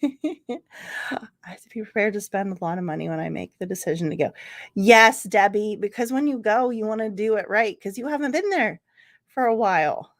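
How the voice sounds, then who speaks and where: A woman's voice: mid-range voice, expressive, moderate pace, no echo. Woman, livestream host, casual rambling chat, answers viewers by name, frequent laughs, dry close sound. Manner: laughs often, trails off mid-sentence. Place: home room with computer screens.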